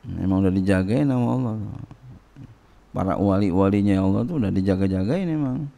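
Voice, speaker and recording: A middle-aged man, teaching a sermon from a classical Islamic text and translating Arabic phrases slowly into casual speech. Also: low voice, vocal fry, dark tone. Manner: reads Arabic phrases then translates them slowly, with casual Jakarta slang asides. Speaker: religious teacher.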